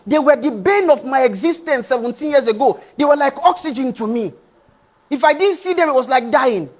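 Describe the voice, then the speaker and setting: High-pitched passionate man preaching. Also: lively intonation, fairly quick. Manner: passionate, preaching, rises and falls between loud urging and quiet pleading. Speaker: motivational speaker. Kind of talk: motivational speech to young people.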